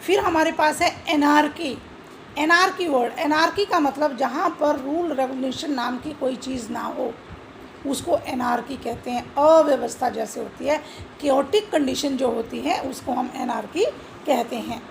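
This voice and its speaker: A woman's voice: high-pitched, measured pace, vocal fry, slight background noise, rough recording. A woman teaching English grammar with an Indian accent, mixing Hindi and English, spelling words out letter by letter and asking questions she answers herself. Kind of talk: classroom-style explanation.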